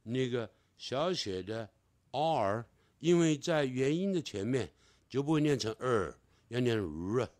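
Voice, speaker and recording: A man teaching English pronunciation, repeating each word slowly and stretching out its sounds. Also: mid-range voice, lively intonation, a little mellow. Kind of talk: classroom pronunciation lesson.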